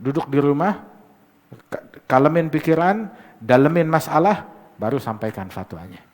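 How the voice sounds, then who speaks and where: A man preaching, animated and teasing, mimicking hurried recitation and firing rhetorical questions. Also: on the high side. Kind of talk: sermon. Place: mosque gathering. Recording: long hall reverb.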